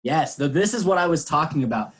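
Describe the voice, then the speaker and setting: English teacher, male, slightly husky, patient explainer on a video call. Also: on the high side, animated, brisk, a bit bright. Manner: patient, explains words with examples. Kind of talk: online English lesson.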